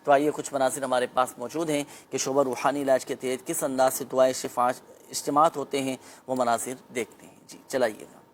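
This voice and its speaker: Male host of a religious advice show, calm and instructive, mid pitch. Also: fairly quick, slight background noise. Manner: calm, instructive, with frequent pious phrases. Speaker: host answering viewers on spiritual remedies.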